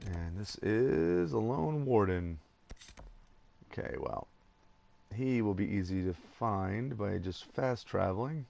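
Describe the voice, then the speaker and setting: A man's voice: fairly low pitch, lively intonation, takes it slowly, vocal fry, a little mellow. A tired man rambling through casual gameplay commentary, chuckling at himself and hesitating often. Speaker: let's play gamer.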